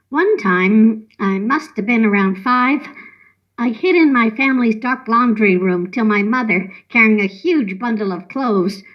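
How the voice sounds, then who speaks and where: Woman, comic monologue, high and very lively, slow and deliberate, dull lo-fi sound. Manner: chirpy, self-satisfied, oblivious. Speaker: patient talking to a doctor.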